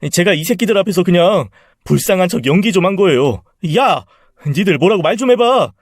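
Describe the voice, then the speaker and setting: A man's voice: high voice, animated, fairly quick, no room sound, clean studio sound. A man playing a spiteful, scheming son-in-law. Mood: flustered. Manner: contemptuous, then flustered and pleading.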